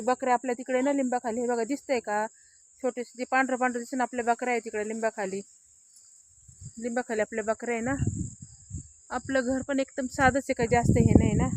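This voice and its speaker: Casting: chatty woman on a walking phone vlog, high-ish voice, dry close sound. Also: dry recording. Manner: chatty, repeats "hey bagha" often. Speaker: vlogger. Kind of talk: casual home tour vlog. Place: outdoors at a village home at dusk.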